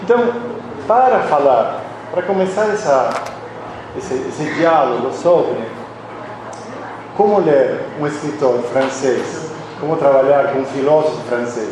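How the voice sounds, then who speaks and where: A man's voice: medium pitch, animated, unhurried. A middle-aged man from Argentina, a Spanish speaker giving a personal, reflective academic lecture at a university conference and often restarting his phrases. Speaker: conference speaker, philosophy professor. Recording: very echoey hall, voice from a distance, audible background noise.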